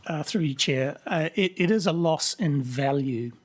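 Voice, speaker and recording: A council finance officer with a New Zealand accent explaining accounts at a meeting in a halting, eager way, with many restarts. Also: mid-range voice. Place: council chamber.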